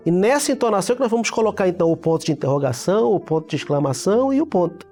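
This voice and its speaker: Casting note: male talk-show host, high voice, measured delivery, summarizes and checks in with the guest. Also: lively intonation, a little mellow, faint music behind. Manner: measured, recaps and seeks agreement. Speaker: program host. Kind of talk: church talk program conversation.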